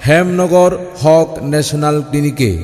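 A man chanting a clinic advertisement in a repetitive sing-song delivery, broadcast over an outdoor loudspeaker. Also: a little high, unhurried. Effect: outdoor loudspeaker announcement. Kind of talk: chanted promotional announcement. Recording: long reverb with music behind.

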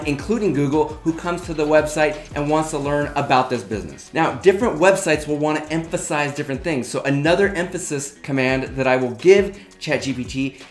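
A man giving a step-by-step tutorial to camera, speaking in an upbeat, direct way. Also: on the high side. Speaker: marketing instructor. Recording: echoey room with faint music.

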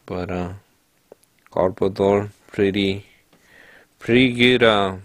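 Relaxed and talking to his viewers, a man runs a channel where he opens card packs and calls out each card as casual narration. His voice is lowish and his pace slow, with no room sound.

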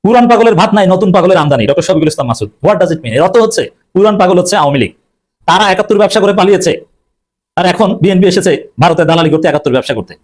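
Fast-talking emphatic male political commentator. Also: high-pitched, animated. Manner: emphatic, repetitive, combative; fillers and self-corrections.

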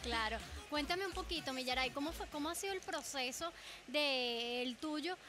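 Young woman host on a studio set, high voice, lots of follow-up questions, music playing behind. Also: lively intonation, normal speed. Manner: chatty, prompting with many follow-up questions. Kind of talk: live web TV interview.

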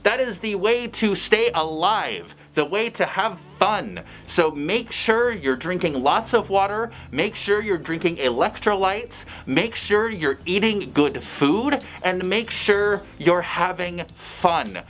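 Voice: medium pitch, animated, slow, hardly any pauses, a bit bright. A fursuiter giving blunt, chatty advice in a casual vlog, speaking through a costume head. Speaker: fursuiter vlogger.

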